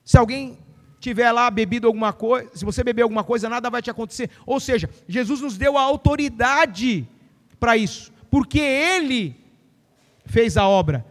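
Brief: middle-aged pastor, very high voice, emphatic sermon, big hall reverb. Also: male voice, normal speed, fairly bright tone. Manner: fiery, emphatic declarations with acted-out quotes.

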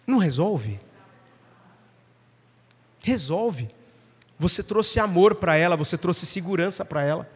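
A man's voice: high voice, animated, a little slow, long pauses, slightly rough, long reverb tail. A man preaching a sermon, emphatic and asking his listeners questions. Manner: emphatic, asks the congregation questions.

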